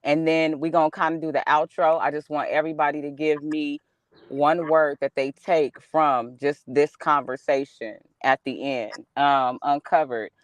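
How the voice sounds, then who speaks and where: Animated high-voiced male podcast host. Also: clean tone, no room sound, highs cut off. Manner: animated, laughs often, preachy emphasis. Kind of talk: casual conversation.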